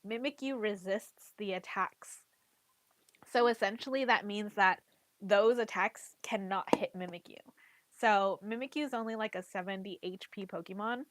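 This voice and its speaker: This trading card game player and content creator talks at a moderate pace in a mid-range voice, with slight noise in the background. Still stuffy from a cold she's recovering from, she chats away about a card game, leaning heavily on "like" and "literally."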